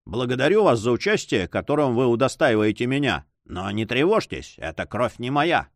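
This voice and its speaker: A man's voice: medium pitch, big pitch swings, normal speed, no echo, studio quality. A man reading as a cool young count.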